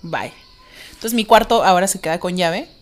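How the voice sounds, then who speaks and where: A young woman in her twenties with a Mexican accent, telling animated, slangy stories in a casual chat. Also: fairly low pitch, moderate pace. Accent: Mexican Spanish.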